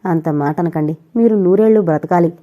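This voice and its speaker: A woman's voice: on the low side, fairly quick, phone-quality sound, close to an everyday voice. A woman voicing a young married woman who pleads and weeps over her dying lover, in a storybook reading. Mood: tearful. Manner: tearful, pleading.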